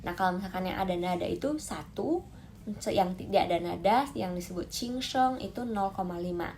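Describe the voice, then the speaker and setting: Teaching a Mandarin tones lesson to camera, a woman calls out example syllables, stretching them in an animated way. Her voice is on the low side, over a little hiss or hum.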